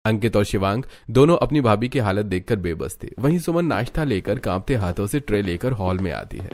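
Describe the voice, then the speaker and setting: A man narrating a cartoon family story in an even, low storytelling tone. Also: a little fast, no room sound. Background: faint music.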